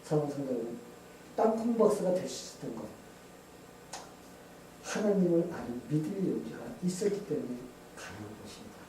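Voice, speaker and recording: Male pastor preaching in echoey church. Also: medium pitch. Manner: animated storytelling with rhetorical questions to the congregation. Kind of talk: sermon. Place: church sanctuary. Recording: echoey church hall, far mic, faint noise.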